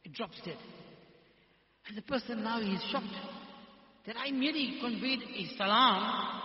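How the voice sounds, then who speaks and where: A man giving a sermon and telling a parable, lifting his voice for emphasis. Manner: storytelling, rising pitch for emphasis. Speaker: preacher. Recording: echoey hall, dull sound.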